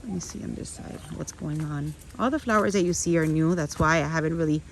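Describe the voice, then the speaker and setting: Speaking in a deep voice and fairly quickly, a middle-aged woman vlogs while walking through her outdoor orchid garden on a windy morning. She chats with viewers, full of restarts and asides. The recording is rough, with a little hiss or hum.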